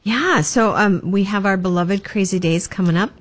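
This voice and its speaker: With a medium-pitched voice at a moderate pace, a chamber of commerce representative runs through community announcements in casual conversation. She stays upbeat and promotional, with frequent ums.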